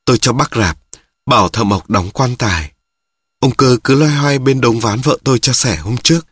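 A man narrating a first-person story in a plain, measured, somber way. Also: medium pitch, a bit bright, husky, dry recording, studio quality.

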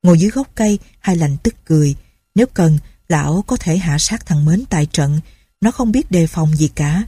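A woman narrating an audiobook story in a steady, measured reading. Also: lowish voice, husky, no echo.

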